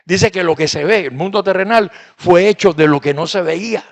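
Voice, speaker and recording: Man pastor, high voice, conversational sermon. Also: moderate pace, vocal fry. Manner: conversational preaching, reading and explaining verses.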